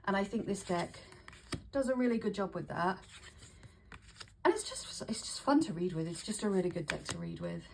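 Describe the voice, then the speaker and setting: A woman vlogger chatting casually to camera, breathy and a little short of breath with hay fever, often restarting and repeating her phrases. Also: medium pitch, animated, moderate pace, pauses often, a little hiss or hum. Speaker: vlogger showing tarot decks.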